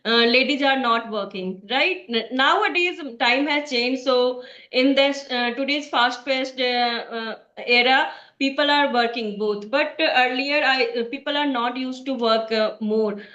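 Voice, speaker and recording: In an echoey, dull lo-fi recording, the Bihari woman keeps practicing English conversationally with her Indian accent. Her high, somewhat bright voice moves at a measured pace, halting often with fillers and fresh starts.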